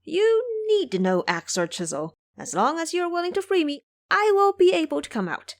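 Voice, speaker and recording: A woman voicing an excitable, pleading male monkey demigod with a boastful, eager manner in an audio drama. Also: very high voice, moderate pace, voice pushed up, full character voice. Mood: earnest pleading. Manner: frantic, eager, yelling.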